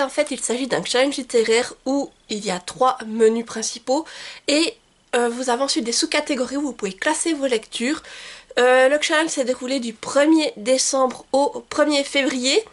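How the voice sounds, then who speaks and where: Chatty woman book vlogger, slightly high voice. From France. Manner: chatty, many fillers and restarts. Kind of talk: casual book review vlog.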